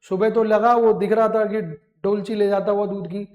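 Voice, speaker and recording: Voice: mid-range voice, level tone, moderate pace, a little mellow. An accounting teacher giving a classroom lecture, calling students "beta", mixing in English terms and drilling them with repeated questions.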